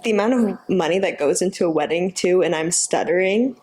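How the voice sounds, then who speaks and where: A woman's voice: on the low side, a little fast, darkish tone, poor audio. A young woman co-hosting a podcast, giggling and teasing her partner with playful what-if questions. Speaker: podcast co-host. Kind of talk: casual chat.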